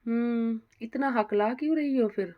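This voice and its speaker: A woman's voice: fairly high pitch, a little slow, phone-quality sound, lightly acted. A woman voicing a kind, coaxing young wife. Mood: teasing. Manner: warm, coaxing, gently teasing. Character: kind young married woman, caring and teasing friend.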